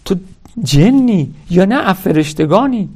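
Speaking in a sing-song, high-sitting voice that's a little mellow with a breathy edge, a man delivers a religious lecture. He reads from a historical text, restates it plainly, and points out what his audience should note, stressing key words as he addresses them directly.

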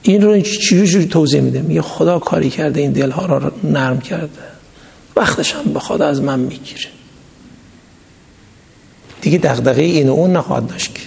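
Gravelly man teaching in a hall. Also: on the high side, pauses often, a little mellow. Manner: reads text then explains in colloquial speech with stories. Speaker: religious teacher. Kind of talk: religious lecture. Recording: long hall reverb.

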